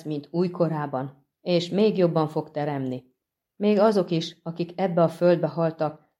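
A talkative country peasant, folksy and eager, speaking to his master with homely warmth, as a woman reads him in an audiobook. The voice sits a little low for a woman, with a dark, mellow tone. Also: natural voice. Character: chatty grateful middle-aged peasant man. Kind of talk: audiobook reading.

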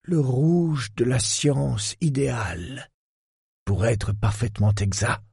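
Man doing a gravelly sepulchral octogenarian lord. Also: medium pitch, a little mellow, no room sound, clean studio sound, full character voice. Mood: grave, mysterious. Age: 80s. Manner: slow, solemn and mysterious. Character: octogenarian millionaire lord, grave, enigmatic, patronizing. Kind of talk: audiobook character voice.

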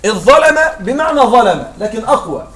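A man's voice: high-pitched, sing-song, brisk, a bit bright. A man teaching a classroom lesson on Arabic morphology. He keeps checking that his students follow and asks questions, then answers them himself.

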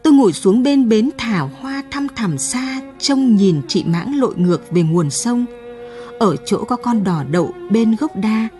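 A woman narrating a late-night radio ghost story in a slow, sorrowful reading. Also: a little high, a little mellow.

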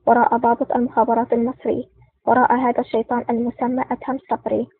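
A woman's voice: on the high side, little pitch movement, very fast, slightly rough, no echo. A woman voicing a sly, wheedling male villain in an audiobook, read without much change from her narrating voice, on a tinny line. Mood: angry. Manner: wheedling, then angry shouting. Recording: dry, tinny phone-like sound.

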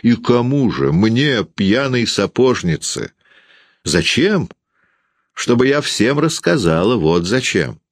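Drunken old shoemaker woman, loud and abusive; a man doing the voice, high and wildly swinging. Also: big pitch swings, slow, no echo. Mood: fawning. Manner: shouting, slurred, abusive.

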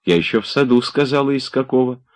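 A man voicing a playful, teasing young woman in an audiobook, in a lifted, lively voice. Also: medium pitch, fast, voice pushed up, lightly acted.

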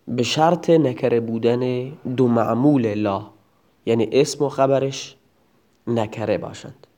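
A man's voice: mid-range voice, dark tone. Man giving a methodical grammar lesson. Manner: methodical, explains word by word. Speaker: teacher of Arabic grammar.

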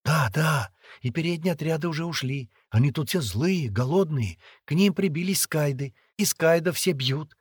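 A man reading aloud and voicing a spirited, bossy little girl who chatters in hushed, urgent tones. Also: fairly high pitch, normal speed, hardly any pauses, slightly rough, dry recording, studio quality, voice pushed up. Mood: chattering.

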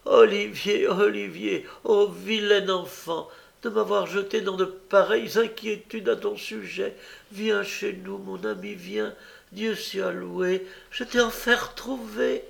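A man voicing a sly young woman pickpocket who fakes loud, shrill distress in a storybook reading. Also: steady tone, slow, gravelly, full character voice. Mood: wailing. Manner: wailing, shrill, overacted distress.

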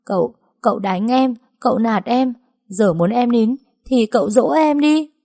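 A woman's voice: medium pitch, normal speed, a little mellow, voice pushed up, natural voice. A woman voicing a tearful young bride who stammers and pleads. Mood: whimpering. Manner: stammering, whimpering, repeats words.

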